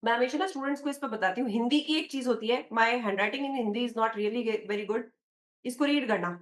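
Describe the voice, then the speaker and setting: A woman teacher with an Indian accent, giving an exam prep lecture in a mix of Hindi and English, explaining slowly and quizzing her students. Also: a little high. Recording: echoey room.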